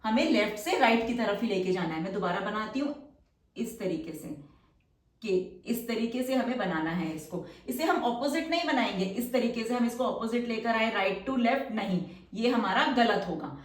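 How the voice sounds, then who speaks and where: A woman's voice: a little high, lively intonation, moderate pace, echoey room, far from the mic. A woman teaching shorthand step by step, patiently repeating each sound and often checking that the viewer follows. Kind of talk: step-by-step spoken lesson.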